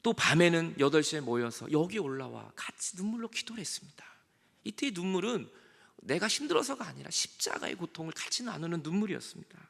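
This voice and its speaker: A man preaching in a church with a slightly high, gravelly voice. He swings between loud, emphatic lines and soft, almost whispered ones. The sound rings with the long reverb of a big sanctuary. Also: big pitch swings, fairly quick. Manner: emphatic, rising and falling sharply, dropping to near whispers. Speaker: pastor. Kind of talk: sermon.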